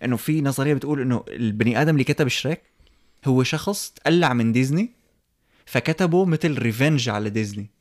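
A man's voice: mid-range voice, animated, fast talker. A young man with a Syrian Arabic accent chatting casually as a podcast co-host, mixing French and English words into his Arabic. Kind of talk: casual chat.

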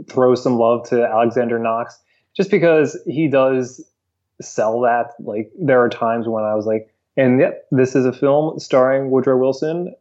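A man joining a casual podcast chat, hesitant and measured. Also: medium pitch. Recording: dull lo-fi sound.

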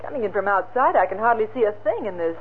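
A woman's voice: mid-range voice, lively intonation, quick pace, close to an everyday voice. A woman playing an earnest, concerned young heroine in an old radio space adventure serial. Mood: chatty, curious. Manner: earnest, exclaiming. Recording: noisy, tinny vintage radio recording.

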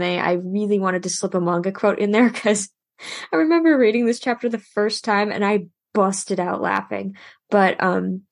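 A woman's voice: medium pitch, no echo, clean studio sound. A woman co-hosting a podcast, casually recapping an episode in a chatty way. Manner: chatty, laughs while explaining. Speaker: podcast co-host.

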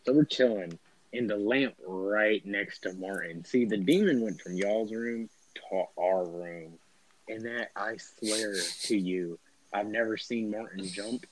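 A young man guesting on a podcast, telling stories in casual chat with excited laughter. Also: lowish voice, a little slow, low-quality recording.

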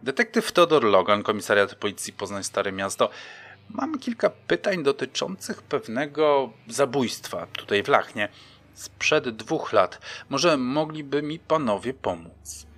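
A man reading as a calm older detective. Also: medium pitch. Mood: formal. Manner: calm, measured and doubtful. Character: older polite male big-city police detective. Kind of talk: audiobook character voice.

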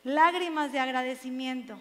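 A woman's voice: high-pitched, normal speed, a bit bright. A woman giving an earnest inspirational religious talk at a women's seminar and asking rhetorical questions. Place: seminar hall. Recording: long hall reverb.

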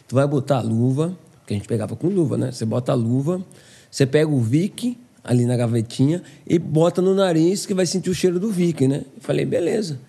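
A man's voice: on the high side, brisk, slightly rough. A man, a podcast guest telling stories casually and acting out the dialogue. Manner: animated, acts out quoted dialogue. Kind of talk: casual storytelling.

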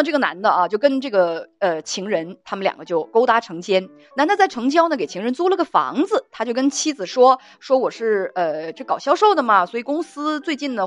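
A woman hosting a relationship advice show, telling a listener's story with scorn and indignation and laughing along the way. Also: medium pitch. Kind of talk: storytelling commentary. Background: faint music.

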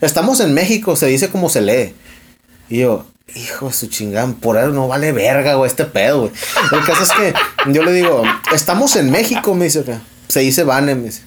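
In a recording with a bit of hiss or hum, a young Mexican podcast host with a Mexican accent talks a little fast at medium pitch. His casual retelling of an argument is lively and slangy, full of swearing and quoted exchanges.

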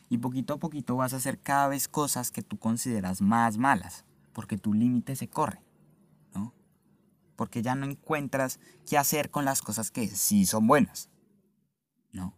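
A young man talking casually and reflectively to the camera, swearing freely and often checking in with the listener. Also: medium pitch. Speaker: vlogger.

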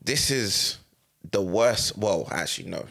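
A man's voice: low voice, animated, unhurried, vocal fry, sharp tone. A young man with a London roadman accent, chatting casually in heavy street slang and repeating himself for emphasis.

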